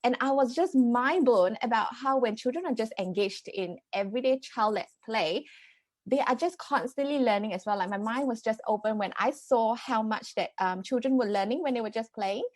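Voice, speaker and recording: A woman's voice: on the high side, moderate pace, no room sound. A woman in her thirties from Singapore, a parenting coach earnestly explaining her ideas as a podcast guest. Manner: earnest, many fillers and restarts. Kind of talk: conversational podcast interview.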